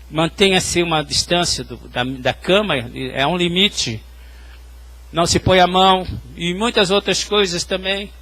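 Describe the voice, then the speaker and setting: A man's voice: high-pitched, fairly bright tone. A male pastor preaching a sermon, telling stories and speaking directly to the congregation. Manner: tells hospital stories, addressing the congregation directly.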